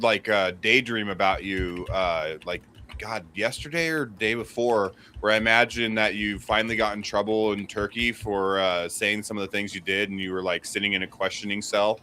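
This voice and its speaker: A man in his late thirties, a guest in a casual livestream chat over a video call, animated and laughing often. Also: lowish voice, a little hiss or hum. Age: 30s.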